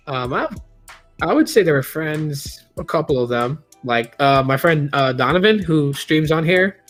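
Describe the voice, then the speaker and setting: Man in his thirties, live-stream host, casual rambling talk, slightly high voice, faint background music. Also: a bit bright. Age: 30s. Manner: rambling, candid, many restarts, reads chat aloud.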